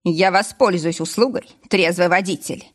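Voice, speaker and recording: Close to her everyday voice, lowish and at a moderate pace, a woman reading an audiobook portrays a drunk middle-aged man who runs a candy factory. The tipsy character hiccups and slurs with a familiar air.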